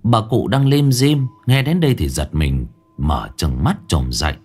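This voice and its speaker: A man's voice: lowish voice, normal speed, a little mellow, husky. A man narrating a ghost story dramatically. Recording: faint background music.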